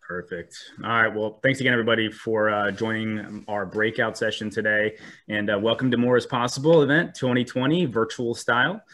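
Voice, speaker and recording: A 3D printing specialist presents a webinar over a video call while sounding a bit sniffly from a cold, with frequent ums and restarts. His voice is fairly low, steady, a bit bright, and a little fast.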